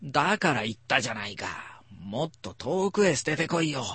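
Storybook husband, gruff and grumpy, blustering, read by the narrator. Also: male voice, mid-range voice, big pitch swings, normal speed, fairly bright tone, no echo, exaggerated voice. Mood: grumbling. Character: grumpy cat-hating husband.

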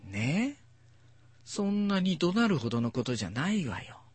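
Storybook housewife, soft and doting, cooing, voiced by a male reader. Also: fairly high pitch, sing-song, moderate pace, slightly rough, no echo, pitched above the performer's own voice. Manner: cooing, gentle.

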